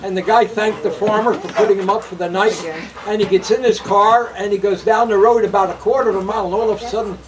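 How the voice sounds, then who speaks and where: A man's voice: sits high, fairly even intonation, fast, far from the mic, a crowd in the background, rough recording. A man telling jokes casually at a family gathering and laughing at his own punchlines.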